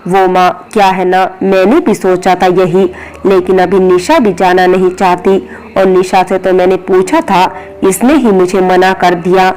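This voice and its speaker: A woman's voice: on the low side, steady tone, measured pace, a little mellow, lightly acted, rough recording. A woman voicing a curt, angry young husband in a spoken story, scolding harshly. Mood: evasive.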